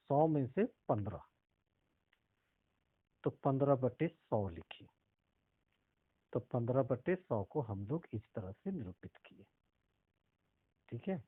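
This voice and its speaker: This husky, medium-pitched man teaches decimal multiplication one step at a time, often stopping to ask if everyone follows. There's no room sound, and the recording has a tinny, phone-like quality.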